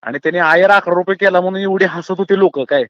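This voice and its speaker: A man with a rural Maharashtrian accent talks on the phone, delivering an earnest, colloquial, philosophising monologue full of opinions and frequent references to his listener as brother. His high-pitched voice is quick and a bit bright, recorded close and dry on a dull lo-fi call with no room sound.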